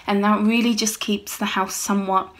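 This British cleaning vlogger, a woman in her thirties, talks casually and rambles to her phone at arm's length as she tidies the bedroom and hallway of her small home, making friendly remarks to viewers. Her mid-range voice is level and moderately paced.

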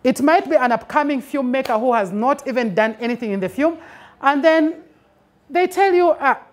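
A Zambian woman in her forties leads a master class in a bright indoor studio. Her voice sits a little high. She talks with emphasis and keeps pausing to check that her listeners follow. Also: expressive. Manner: emphatic, checks in with a frequent "okay?". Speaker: film industry master class speaker. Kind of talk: instructive talk to an audience.

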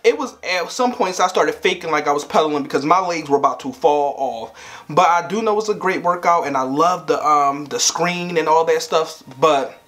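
A man's voice: on the high side, moderate pace, fairly bright tone, faint music behind. A young man in his twenties chatting playfully to camera at home, laughing often. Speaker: vlogger. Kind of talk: casual chat to camera.

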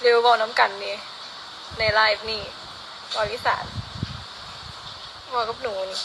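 A woman's voice: fairly high pitch, fairly even intonation, unhurried, vocal fry. A woman from northeastern Thailand with an Isan accent, hosting a casual live stream and coaxing and teasing in a playful way. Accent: Isan Thai. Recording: noticeable background noise.

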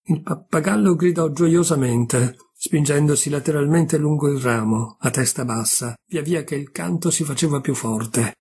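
A man reading a classic short story aloud with measured literary narration. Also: fairly high pitch, darkish tone, husky. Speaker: reader. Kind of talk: scripted narration.

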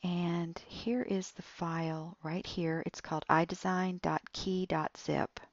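A woman walking through an app tutorial step by step, in a slow, explaining way. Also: fairly low pitch, level tone, dry recording, dull audio. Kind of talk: screen-recorded app tutorial.

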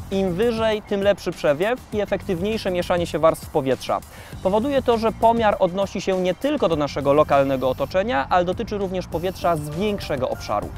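A man in his thirties presenting a science video, explaining things in clear scripted narration. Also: sits high. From Poland. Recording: music bed under the voice.

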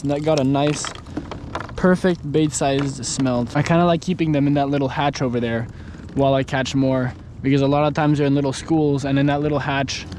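A young man on a kayak out at sea, talking through his fishing setup in a relaxed, instructive way, recorded on an action camera. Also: medium pitch, slight background noise. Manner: relaxed, instructional, talks while handling gear. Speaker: fishing vlogger. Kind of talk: casual outdoor explanation. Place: kayak on open ocean, outdoors. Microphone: action camera on a mount.

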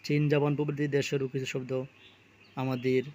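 A man's voice: medium pitch, level tone, normal speed, darkish tone, slight background noise. A man teaching an exam-prep lesson, reading lists of words aloud with small self-corrections. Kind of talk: reading and explaining a word list for exam study.

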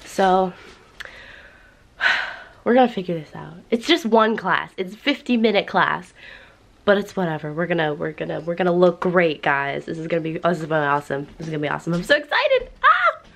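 Chatty teen girl with vocal fry. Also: fairly low pitch, a little fast, a little hiss or hum. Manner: chatty and excitable, talks to viewers as "guys". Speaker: vlogger. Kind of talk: get-ready-with-me vlog chat. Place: home while getting ready.

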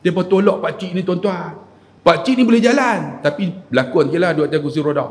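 Kedah-accented ustaz preaching with funny stories, higher voice, big echoey hall. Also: male voice, fast talker. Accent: Kedah Malay. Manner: animated, acts out scenes with shouted voices. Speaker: religious lecturer (ustaz). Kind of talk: sermon with humorous storytelling. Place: mosque hall.

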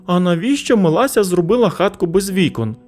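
A man's voice: sits high, animated, fairly quick, a little mellow, soft background music, pitched above the performer's own voice. A man voicing a capricious three-year-old boy in a children's story. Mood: whiny. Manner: capricious, pestering. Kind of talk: storybook narration.

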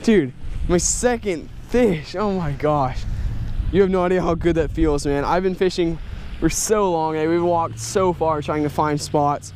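A teenage boy from Texas vlogging a fishing trip, excitable and full of dude and bro, recorded outdoors by suburban ponds on an action camera. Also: a little high, measured pace, slight background noise. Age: teens. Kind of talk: casual vlog. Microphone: handheld or body-mounted action camera.

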